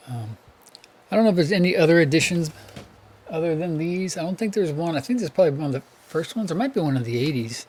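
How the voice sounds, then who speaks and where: The host of a VHS collector channel talks casually about his tapes in a hoarse, worn-down voice of ordinary middle pitch. He thinks out loud and keeps correcting himself while a faint room hum lingers.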